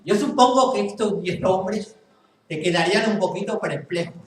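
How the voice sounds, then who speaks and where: A man with a Spain Spanish accent preaches a sermon in a church hall, his voice sitting a little high for a man. The recording is very echoey and picked up from a distance, with faint room noise behind him. He leans on repetition, saying key phrases twice over. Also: moderate pace. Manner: repeats phrases for emphasis, earnest preaching. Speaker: pastor. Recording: very echoey hall, mic far off.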